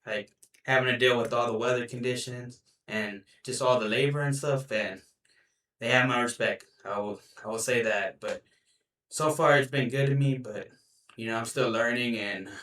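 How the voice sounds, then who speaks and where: A man's voice: mid-range voice, fairly even intonation, moderate pace, pushed and bright, recorded from a distance, slight background noise. Laid-back man podcasting in a roomy space. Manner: laid-back, rambling, lots of "you know". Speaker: podcast co-host. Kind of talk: casual chat. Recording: roomy, a bit off-mic.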